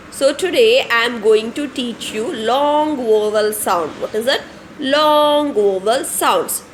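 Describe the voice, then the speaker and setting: A young woman with an Indian English accent teaching a phonics lesson online to small children, slow and repetitive, often asking questions and answering them herself. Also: on the high side, a little hiss or hum. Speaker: kindergarten teacher.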